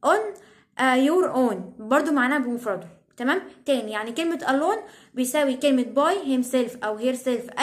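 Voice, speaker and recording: A young woman with an Egyptian Arabic accent explaining English vocabulary as a teacher, checking in with "tamam?" after nearly every point. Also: high-pitched. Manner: repeats "تمام؟" as a check-in.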